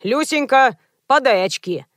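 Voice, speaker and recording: A nitpicking, grumbling old grandfather in a storybook reading, voiced by a woman narrator. The voice comes across dry and close to the mic, in a fairly high register. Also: lively intonation, unhurried, a bit bright, no echo. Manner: grumbling and pedantic.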